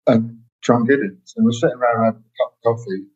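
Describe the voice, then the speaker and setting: A man's voice: mid-range voice, fast, a little mellow. Rambling man in his sixties, lo-fi. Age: 60s. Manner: rambling, self-correcting storyteller. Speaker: interview guest, musician. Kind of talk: casual anecdotal chat. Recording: dull lo-fi sound.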